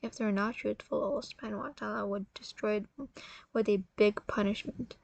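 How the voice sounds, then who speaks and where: Tired woman narrating with a gravelly edge. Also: medium pitch, fairly even intonation, a little mellow, dry recording. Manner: halting, self-correcting, apologetic. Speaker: storyteller. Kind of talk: casual religious story narration.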